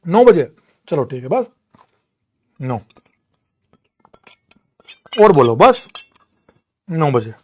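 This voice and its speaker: A man's voice: a little high, very animated, very slow, long pauses, a little mellow. Chatty, teasing young male teacher. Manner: chatty, teasing, answers student comments. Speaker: online teacher. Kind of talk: casual live class banter. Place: room at home.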